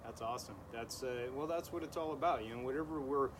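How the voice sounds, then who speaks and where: A man's voice: medium pitch, quick pace. A man hosting a casual podcast, talking at length in a rambling way. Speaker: podcast host. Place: outdoors in a backyard at night. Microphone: studio microphone on a stand. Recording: noisy outdoor backyard recording.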